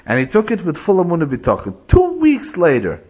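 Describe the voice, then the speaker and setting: Husky-voiced man teaching a religious class. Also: high voice, wildly swooping pitch, a little fast, darkish tone. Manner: explanatory, tells illustrative stories. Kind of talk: religious lecture with storytelling.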